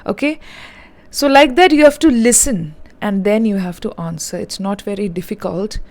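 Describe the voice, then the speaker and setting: Woman, online teacher, mid-pitched, direct and instructive. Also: moderate pace, a little mellow. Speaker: English teacher. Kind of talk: online language lesson.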